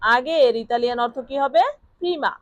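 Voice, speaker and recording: A woman's voice: on the high side, fairly quick, no room sound. A woman teaching a vocabulary lesson, repeating each word several times and spelling words out letter by letter. She asks questions and answers them herself. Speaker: language teacher. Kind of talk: slow vocabulary lesson with repetition.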